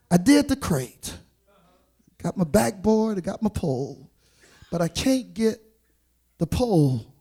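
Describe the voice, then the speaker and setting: A man's voice: high voice, darkish tone, husky. A man preaching a sermon with a rhythmic cadence and repeated call-outs to the congregation.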